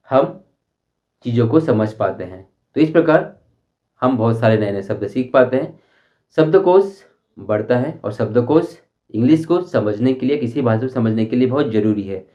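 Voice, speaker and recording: A man teaching a spoken English lesson, explaining slowly and deliberately and repeating his examples. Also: mid-range voice, highs cut off. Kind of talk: Hindi-language English lesson.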